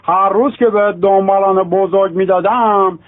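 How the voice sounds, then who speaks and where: A man telling a string of jokes in a lively way, voicing the characters in them. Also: high voice. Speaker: joke teller. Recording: tinny phone-like radio sound.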